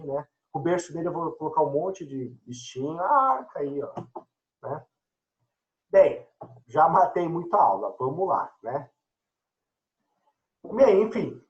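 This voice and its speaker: A man's voice: a little high, dull audio. A man teacher chatting casually and joking with his students during an online class.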